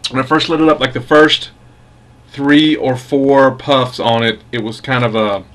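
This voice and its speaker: A man's voice: mid-range voice, steady tone. Man musing unhurriedly in a casual review. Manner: unhurried, halting, musing delivery. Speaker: pipe tobacco reviewer.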